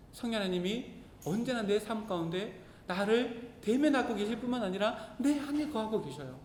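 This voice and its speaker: A man with a high voice preaches in an echoing church hall, earnest and storytelling. The sound carries a long reverb with a faint rumble underneath. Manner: earnest, storytelling, acts out his own quoted words. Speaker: pastor. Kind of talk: sermon with personal story.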